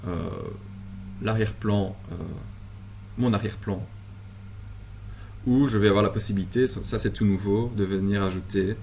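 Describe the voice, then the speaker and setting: A man from Belgium giving a relaxed software tutorial from his apartment over a video call, with many fillers and restarts. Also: fairly low pitch, normal speed, long pauses, a little hiss or hum. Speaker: instructor. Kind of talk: screen-share software tutorial. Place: home apartment.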